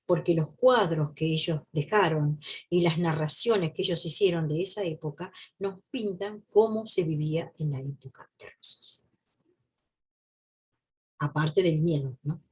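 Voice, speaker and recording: Speaking with a Buenos Aires province accent, this Argentine woman from that province presents history videos, chatting informally with her audience. She has a low, husky, rough voice with a darkish tone and keeps a measured pace. Her manner is reflective and emphatic, and she returns to phrases to weigh them down.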